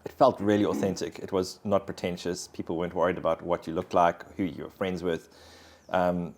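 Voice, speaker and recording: A man's voice: deep voice, little pitch movement, brisk. A man, sharing his personal faith story in an interview in an earnest, reflective way. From South Africa. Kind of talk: conversational personal testimony.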